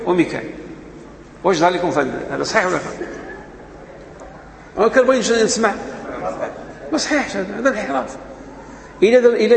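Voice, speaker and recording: A man with a Moroccan accent giving an emphatic religious lesson, posing rhetorical questions and answering them himself. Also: high-pitched. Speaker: religious teacher. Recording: echoey hall, faint background noise.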